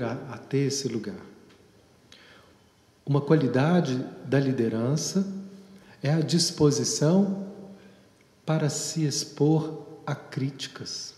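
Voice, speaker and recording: A man, a psychotherapist, giving an unhurried reflective talk with long pauses and storytelling asides. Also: mid-range voice, dark tone. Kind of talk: reflective talk on therapy and leadership. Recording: echoey hall with long reverb.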